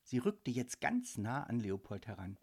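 A man narrating a children's audiobook in a playful, expressive way. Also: mid-range voice, measured pace, husky.

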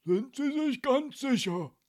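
A man's voice: very high-pitched, lively intonation, slow, a little mellow, full character voice. A man voicing a small older policeman who talks sternly and blusters threats in a storybook reading. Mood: stern threatening.

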